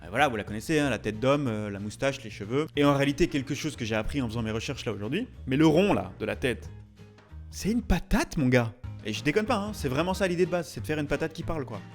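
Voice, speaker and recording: Over music, a tattoo artist who hosts a YouTube channel talks fast in an expressive, medium-pitched voice. His commentary is chatty and joking, peppered with mock-indignant, theatrical asides.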